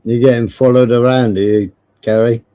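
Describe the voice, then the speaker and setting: A British man with an average-pitched voice talks casually. He is blunt, swears often and likes to tease as he chats. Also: fairly even intonation, normal speed, warm tone. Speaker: live stream panellist. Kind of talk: casual chat.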